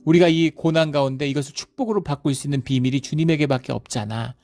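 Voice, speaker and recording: A man's voice: fairly high pitch, quick pace, darkish tone. A middle-aged male pastor preaching a sermon in a conversational way, often adding little fillers and acting out everyday voices.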